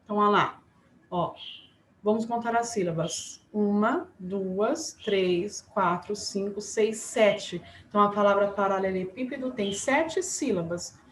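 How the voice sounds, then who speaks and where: A woman teacher giving a remote class to young pupils, slow and patient, spelling words out syllable by syllable. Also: mid-range voice. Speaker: primary school teacher. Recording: echoey room, faint background noise.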